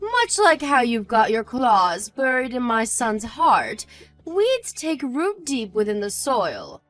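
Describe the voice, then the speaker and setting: Audio drama: woman to play cruel, haughty older mother-in-law, hurt and angry, high and very animated delivery. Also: slow pace, faint music behind, heavily acted. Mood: imperious scolding. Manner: indignant, hurt and angry, scolding. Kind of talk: scripted audio drama acting.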